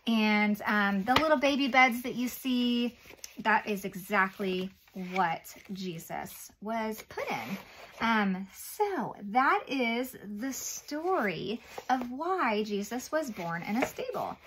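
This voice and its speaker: A woman in her thirties with a slightly high voice teaches a children's Bible lesson. She speaks in simple, encouraging phrases, as someone does when reading to a toddler. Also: very animated, takes it slowly, fairly bright tone, a little hiss or hum, poor audio. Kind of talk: Bible lesson read and explained to young children. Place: small indoor room, seated at a table.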